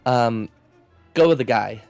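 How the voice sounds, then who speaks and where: A man's voice: mid-range voice, takes it slowly, creaky, a little mellow, clean tone, dry recording, soft background music. A man talking casually as a co-host on a video game stream.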